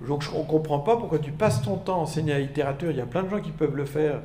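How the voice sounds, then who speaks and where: A man who is a Jesuit priest giving a lively, playful conference talk to school staff. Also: fairly high pitch, fast talker, slight background noise. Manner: animated, playful, makes buzzing sound effects.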